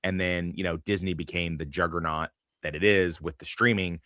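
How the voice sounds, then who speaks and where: A man with a fairly low voice hosts a loose panel chat, swearing and rambling between laughs. His tone is bright and forceful, and the sound is dry and close. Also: fairly even intonation, moderate pace, no room sound. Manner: profane, rambling, laughs often. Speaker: podcast host.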